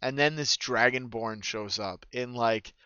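A man's voice: medium pitch, measured pace, bright, forceful tone, clean tone, no echo, highs cut off. A man, the dungeon master, casually retelling a tabletop session, rambling with fillers and swearing freely. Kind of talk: casual storytelling chat.

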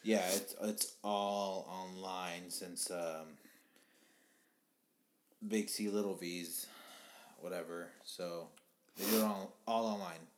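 A man's voice: deep voice, fairly even intonation, takes it slowly, pauses often, a little hiss or hum. A young man chatting casually with his wife for their vlog, laid-back and hesitant, with lots of fillers. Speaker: husband in a couple's vlog. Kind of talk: casual chat.

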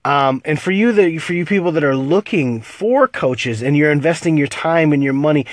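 A man's voice: fairly high pitch, lively intonation, moderate pace, no echo. Man, stuffy nasal voice, under the weather, earnest vlog chat, dry close sound. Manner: earnest, cautionary, repeats words and restarts. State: congested, nasal from a cold. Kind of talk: casual talking-to-camera vlog.

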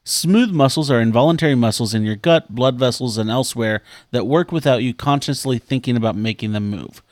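Man, podcast co-host, relaxed chat, reads quiz questions, dry sound. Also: mid-range voice, fairly quick, no room sound. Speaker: podcast co-host running a trivia segment. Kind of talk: casual chat.

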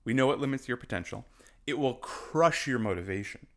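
A man's voice: mid-range voice, lively intonation, brisk. A man who works as a fitness coach, giving an impassioned motivational talk and repeating points for emphasis. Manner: passionate, emphatic, repeats for stress; moves about while talking.

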